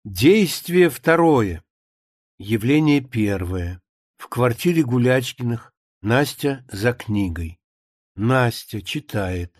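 A man's voice: medium pitch, animated, slow, no echo, clean studio sound. A man reading a play aloud and speaking its stage directions plainly. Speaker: reader.

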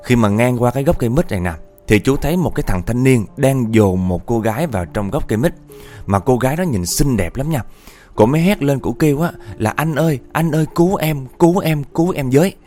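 A man's voice: mid-range voice, animated, brisk, dark tone, faint music behind. A man narrating a ghost story in a chatty way, often speaking straight to his listeners. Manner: chatty, addresses listeners directly.

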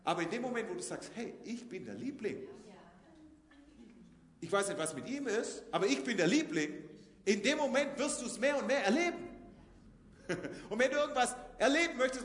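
A man preaching a sermon, lively and acting out inner voices of doubt and joy. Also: extremely high pitch. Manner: animated, acts out inner voices. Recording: echoey hall, long reverb.

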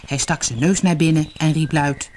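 A woman narrating a children's fairy tale in a lively, expressive read-aloud. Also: low-pitched, moderate pace, slight background noise. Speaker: audiobook narrator. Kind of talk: storybook reading.

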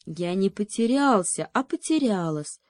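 A woman voicing a lost little female conscience in a storybook, gentle and puzzled, explaining herself patiently. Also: medium pitch, expressive, unhurried, no room sound, lightly acted. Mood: earnest.

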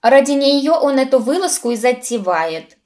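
A woman's voice: high voice, big pitch swings, normal speed, a little mellow, pitched above the performer's own voice. A woman voicing a wry, philosophical young man who teases his friend in a mock-wise way. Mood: teasing.

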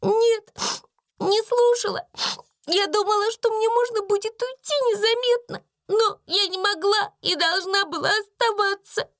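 A woman's voice: extremely high pitch, measured pace, a bit bright, no echo, clean studio sound, voice pushed up, heavily acted. A woman voicing a timid young servant girl who stammers and cries as she pleads. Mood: sobbing, pleading. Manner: stammering, sobbing. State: crying.

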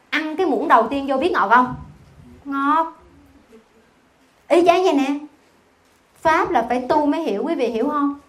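A Buddhist nun gives a Dharma talk in a clearly high voice. She speaks conversationally and keeps asking her listeners questions. When she recites scripture she slows into a soft, gentle chant. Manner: conversational, asks the audience questions often. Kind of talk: Dharma talk to a temple audience.

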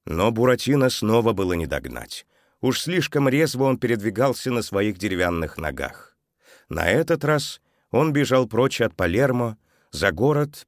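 A male storyteller with a low, deep voice reads a children's tale aloud. His delivery is expressive and grows softer at the sad moments, recorded close and dry. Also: no room sound. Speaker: narrator.

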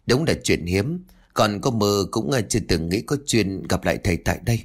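A man's voice: on the low side, lively intonation, a little fast, breathy edge. A man playing a polite respectful young woman.

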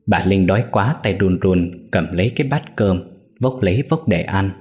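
A man narrating a ghost story in a grave, measured storytelling manner. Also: low-pitched, animated, darkish tone. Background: faint music.

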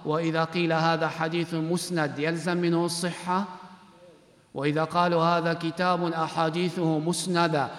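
A man teaching as a sheikh, quizzing students in class, brisk and commanding as he calls them up and questions them. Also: on the high side, flat delivery, a bit bright. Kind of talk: classroom quiz session. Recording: echoey hall with long reverb.

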